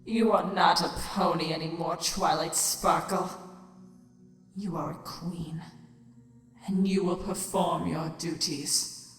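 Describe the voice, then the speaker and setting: A woman voicing an old dying changeling queen in an audio drama, breathy and half-whispered, sinister yet tender, solemn and deliberate. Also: on the low side, steady tone. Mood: commanding, solemn. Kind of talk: dramatic audio fiction acting. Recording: heavy echoing reverb, music underneath. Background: music.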